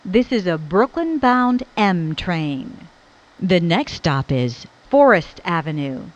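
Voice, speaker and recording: A woman with a lowish, very animated voice reads recorded train announcements slowly, in stilted phrases that sound spliced together. The audio is a dull, lo-fi recording from a train speaker.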